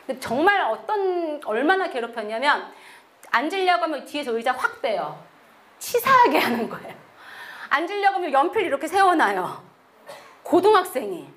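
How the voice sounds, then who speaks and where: A middle-aged woman missionary giving a sermon-style testimony, telling her story with animated delivery and acting out the quotes. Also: high-pitched, moderate pace.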